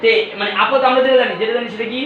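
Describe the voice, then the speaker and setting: A man's voice: very high voice, steady tone, very fast, a little hiss or hum. Man, classroom pronunciation lesson, call-and-response drilling, echoey room, dull lo-fi sound. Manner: drills pupils in call-and-response, repeating each word. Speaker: English pronunciation teacher.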